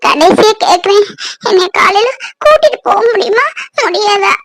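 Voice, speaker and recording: A woman's voice: extremely high pitch, expressive, moderate pace, fairly bright tone, full character voice. A woman voicing a tearful, stubborn young married woman in a cartoon who sobs and argues. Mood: pleading. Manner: sobbing, pleading, accusing.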